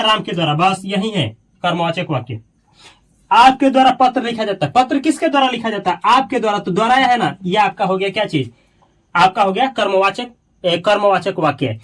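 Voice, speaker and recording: Male grammar tutor with a raised, high voice. He runs a coaching-class lesson, quizzes himself out loud and coaxes his students. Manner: repeats example sentences slowly, asks and answers his own questions; coaxing, reassuring students directly. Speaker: Hindi grammar teacher.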